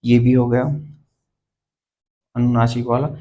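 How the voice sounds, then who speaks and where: Slow, patient male grammar teacher. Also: medium pitch, little pitch movement, mellow, low-quality recording. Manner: slow, repeats terms and quizzes the viewer. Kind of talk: blackboard lesson explaining letters.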